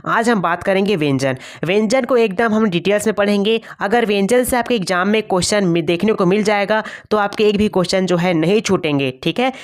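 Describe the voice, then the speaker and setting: A woman's voice: mid-range voice, brisk, hardly any pauses. A woman with a Chhattisgarh Hindi accent teaches an exam-prep lesson online, asking questions back to the viewer and saying "ठीक है" again and again. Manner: repeats points as quiz questions, keeps saying "ठीक है".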